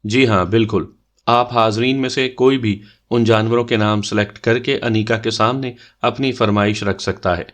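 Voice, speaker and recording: A man's voice: on the low side, fairly even intonation, fairly bright tone, lightly acted. A man voicing a teasing playful young man. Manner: mischievous, bantering.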